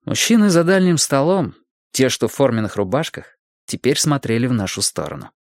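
A man's voice: medium pitch, sing-song, fairly quick, dry recording, clean studio sound. A man reading a story aloud as a narrator, animating each character's lines. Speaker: audiobook narrator. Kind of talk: scripted narration.

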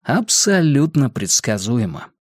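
A man voicing a shy, thoughtful teenage boy in an audiobook, speaking slowly and measuredly. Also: medium pitch, big pitch swings, a little mellow, no room sound, studio quality. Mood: wry. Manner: slow, measured.

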